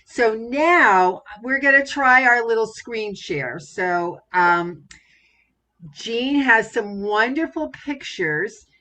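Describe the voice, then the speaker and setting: A woman's voice: a little high, animated, takes it slowly, sharp tone. A woman hosting a live online interview, effusive and full of praise, speaking over a video call. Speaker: interview host.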